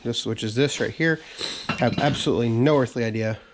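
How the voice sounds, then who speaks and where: Speaking briskly in a mid-range voice, the channel host gives a casual update from a workshop stocked with parts, against a noisy background. A cold makes him sound a bit raspy, and he rambles, restarting often and leaning on fillers.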